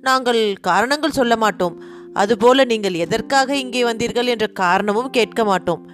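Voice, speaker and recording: A tall male thug who mocks and commands, louder and bolder than the narration, as a woman reads him. His tone stays scornful and domineering. Soft music plays behind. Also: fairly high pitch, normal speed, close to an everyday voice. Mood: mocking. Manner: mocking, commanding.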